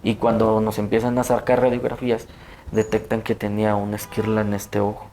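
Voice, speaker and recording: A young man with a Mexican Spanish accent gives a personal testimony in a low, even, flat voice. He speaks haltingly and stops often on fillers. A faint hiss sits under the studio recording. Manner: halting, hesitant, with many fillers. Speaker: interview guest, attack survivor.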